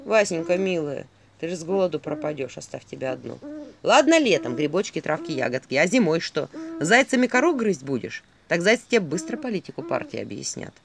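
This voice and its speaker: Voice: medium pitch, big pitch swings, brisk, vocal fry, fairly bright tone. A narrator voicing a sly, money-minded male forest spirit who talks in a smirking, sardonic way. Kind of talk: audiobook character voice.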